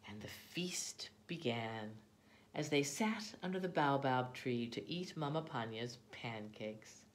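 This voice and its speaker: A woman reading a children's picture book aloud, telling the story in an expressive, animated way. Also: extremely low pitch, slow pace, a little hiss or hum. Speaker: storybook reader.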